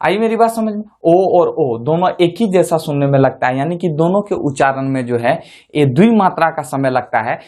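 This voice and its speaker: A man's voice: fairly high pitch, animated, normal speed, a little mellow. Male teacher, repetitive, checks in often, stretches sounds to demonstrate. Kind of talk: online class lesson.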